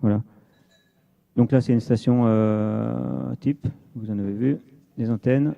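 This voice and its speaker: A man's voice: mid-range voice, fairly even intonation, unhurried, vocal fry. A man giving an informal technical presentation as an amateur radio volunteer, explaining and repeating points for emphasis. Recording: dull, muffled lo-fi sound.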